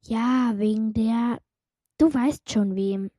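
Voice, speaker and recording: A woman's voice: a little high, slow pace, warm tone, no room sound, clean studio sound. Woman playing a cheeky little demon girl. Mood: teasing. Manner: teasing, sarcastic. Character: small, cheeky young female demon.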